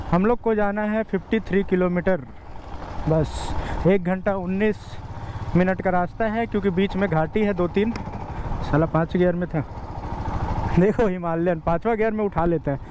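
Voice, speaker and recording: A young man talks his way through a motorbike ride in a bright, high voice, chatty and quick to joke. He speaks into a camera mic while riding outdoors. Loud road and traffic noise runs under everything he says. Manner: chatty, joking, laughs often. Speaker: motorcycle vlogger. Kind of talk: casual ride commentary.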